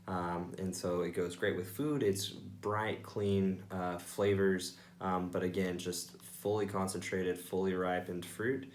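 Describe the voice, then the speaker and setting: A man hosting a wine tasting, giving informal sommelier-style tasting notes in an explanatory way, with frequent ums and pauses. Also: low voice, level tone, a little mellow, slight background noise. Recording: roomy, echoey indoor sound.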